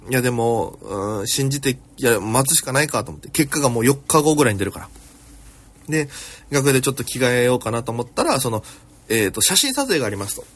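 Man, comedy podcast host, solo home recording, husky and quick, lively pitch, loose rambling delivery. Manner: rambling with many fillers. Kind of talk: solo storytelling chat.

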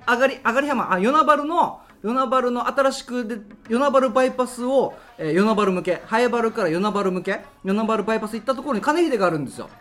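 A man, hosting a local radio show and telling stories in a casual, animated way with lots of sound effects and acted-out voices. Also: very high voice, fast talker, few pauses. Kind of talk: casual storytelling monologue.

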